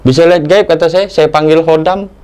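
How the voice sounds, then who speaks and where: A man, telling supernatural stories in an animated way and often acting out quoted voices. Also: fairly high pitch, fairly quick, smooth. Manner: animated, acts out quoted voices, frequent "ya kan?". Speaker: supernatural practitioner, guest. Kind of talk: storytelling interview talk.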